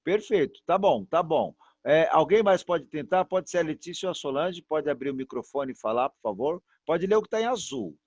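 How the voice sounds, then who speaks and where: A man's voice: on the high side, lively intonation, a little mellow, no echo. Patient man teaching over a video call. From Brazil. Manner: patient, repetitive, drawn-out demonstrations. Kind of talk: online class pronunciation lesson. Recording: dull, muffled sound, dry.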